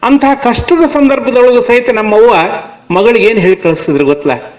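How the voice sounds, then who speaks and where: A man's voice: very high voice, moderate pace, a little mellow, poor audio. A man with a North Karnataka accent preaches a devotional sermon to a village audience. He speaks emphatically and keeps putting rhetorical questions to the crowd. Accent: North Karnataka Kannada. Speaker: religious discourse speaker.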